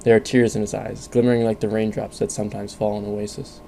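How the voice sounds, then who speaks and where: A male narrator tells a second-person story in a calm, measured delivery. His voice is dark and gravelly, sitting low with little rise and fall. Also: slight background noise.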